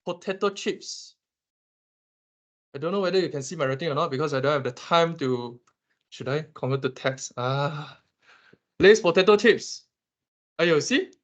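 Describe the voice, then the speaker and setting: A Malaysian man lecturing his class on economics, animated and teasing as he quizzes students. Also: a little high, poor audio. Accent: Malaysian English.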